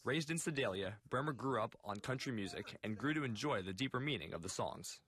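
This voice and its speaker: A young man reading a scripted television news report in a measured way. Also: medium pitch, animated, a bit bright. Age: young adult.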